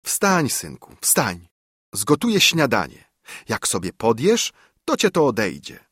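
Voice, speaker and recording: A pious old widowed mother, as a male reader puts her on, her voice lifted high and swooping widely as she coaxes and comforts. Her tone stays husky underneath, read slowly in a dry, close storybook recording. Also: huge pitch swings, no room sound, full character voice. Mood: soothing. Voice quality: warm, soothing folk speech. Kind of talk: audiobook reading.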